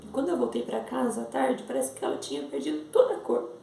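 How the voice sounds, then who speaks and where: A woman's voice: on the high side, very animated, fast talker, gravelly, mellow, echoey room, distant mic. A Brazilian woman in her thirties telling her viewers an emotional personal testimony. She speaks earnestly, repeats phrases and addresses them directly. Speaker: mother sharing a faith testimony.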